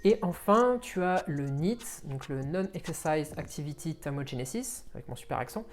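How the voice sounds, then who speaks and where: A man's voice: sits high, animated, moderate pace, soft background music. A man, a fitness coach, explaining things in an informal way, talking straight to the viewer while he walks. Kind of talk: casual explainer video.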